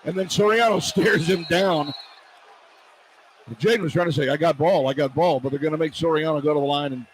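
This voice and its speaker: A man with a voice on the high side, talking a little fast, delivers radio play-by-play of a basketball game in brief, continuous bursts. The live arena broadcast is noisy, with crowd ambience behind him.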